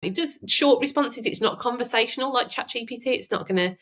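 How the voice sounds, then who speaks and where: A woman guest on a podcast who chats in a lively way and often laughs. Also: fairly high pitch, a little fast. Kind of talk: casual interview chat.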